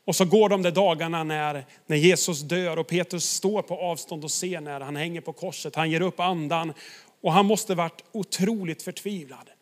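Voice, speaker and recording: A man's voice: on the high side, fairly even intonation. A man preaching a sermon, retelling a story with emphasis and turning to the listeners directly.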